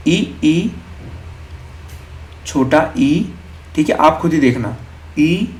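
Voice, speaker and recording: A young man with a slightly high voice teaches an exam-prep lesson patiently. He moves step by step, checking in often and asking questions before he answers them himself. When he demonstrates a vowel, he stretches the sound out slowly. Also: lively intonation. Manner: explains step by step, checking in with "ठीक है" and "okay".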